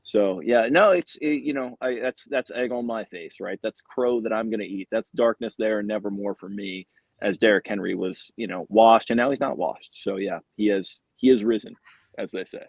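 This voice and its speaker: A man co-hosting a sports podcast in casual chat, excitable and swearing, with his pitch jumping around. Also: moderate pace, creaky, no room sound.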